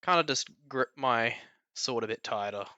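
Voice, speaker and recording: A man's voice: medium pitch, moderate pace, pushed and bright, clear, resonant tone, dull audio. A man playing a tabletop game, hesitant and joking. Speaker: player.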